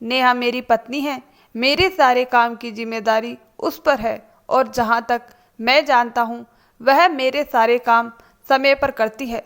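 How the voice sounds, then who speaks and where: Woman doing a serious grown son reasoning with his mom, slow, fairly high voice. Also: fairly even intonation, fairly bright tone. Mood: earnest. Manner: serious, persuasive.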